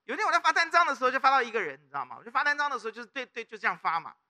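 Racing along in a very high-pitched voice, a middle-aged pastor with a Taiwanese Mandarin accent gives an animated sermon. He often turns to the congregation with prompting questions in a call-and-response manner.

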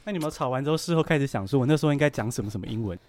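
A man hosting a casual podcast chat, throwing in teasing remarks and quick questions. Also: medium pitch, expressive, darkish tone.

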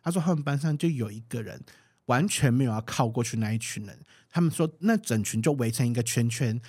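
A man with a Taiwanese Mandarin accent tells a story as a guest in a casual chat. He talks fast and is quick to react. The sound is dry and close. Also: medium pitch, expressive, darkish tone, husky, no room sound. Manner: quick, reactive talker with gasps and exclamations. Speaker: podcast guest.

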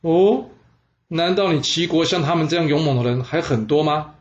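A visiting ancient duke with no sense of timing, played by a male storyteller. He speaks awkwardly, voice a bit high. The sound is muffled and lo-fi. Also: normal speed, close to an everyday voice. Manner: awkward, tactless. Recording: dull lo-fi sound.

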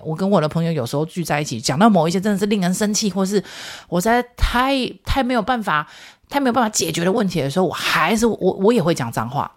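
A woman in her thirties with a Taiwanese Mandarin accent, hosting a parenting podcast and telling a story in a chatty way, acting out her talks with her child. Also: fairly low pitch. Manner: animated, acts out conversations with her child; chatty, frequent filler particles. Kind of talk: casual storytelling monologue.

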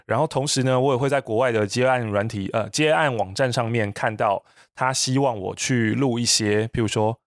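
A man's voice: medium pitch, normal speed, hardly any pauses, no room sound, clean studio sound. A man talking as a podcast guest in casual chat, thoughtful and a little hesitant, laughing now and then. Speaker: podcast guest, voice business founder.

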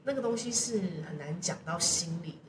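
A woman with a Taiwanese Mandarin accent chats casually on a podcast, telling things in an animated, colloquial way. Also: fairly low pitch, fairly quick. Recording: roomy echo, distant mic, noisy background.

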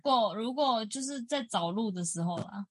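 A woman's voice: a little high, animated, moderate pace, husky, no echo. A woman, co-hosting a podcast and telling casual anecdotes. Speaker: podcast co-host. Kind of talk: casual chat.

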